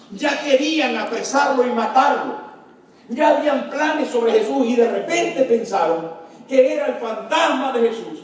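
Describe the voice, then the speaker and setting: A man's voice: very high-pitched, fairly bright tone. A man preaching a sermon as pastor, calling out to the congregation and acting out frightened shrieks. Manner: preaching with call-outs to the congregation; acts out frightened shrieks in quoted voices. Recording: very echoey hall, mic at a distance.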